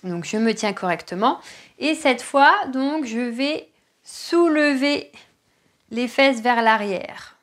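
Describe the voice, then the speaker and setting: A woman with a French accent leads an online dance class, calling out each move and counting the beats in rhythm. Her voice sits a little high, and she talks at an unhurried pace. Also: lively intonation, a bit bright. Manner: counts and calls out moves rhythmically. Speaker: dance teacher.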